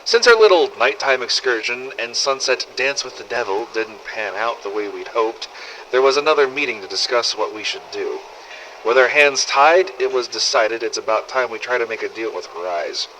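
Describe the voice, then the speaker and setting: An actor voices a gruff, foul-mouthed survivor of a zombie apocalypse, narrating a scripted in-character audio diary with wry cynicism. His mid-pitched, forceful delivery is expressive and normal in speed, weary and resigned in mood, and full of sweary, sardonic, world-weary storytelling. An old cassette-recorder filter adds faint tape noise.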